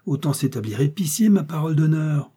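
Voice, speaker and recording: A man's voice: mid-range voice, normal speed, warm tone, slightly rough, natural voice. A man reading aloud and voicing a pompous, fussy village apothecary in an indignant rant. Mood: exasperated. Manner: indignant ranting tirade, exclamatory.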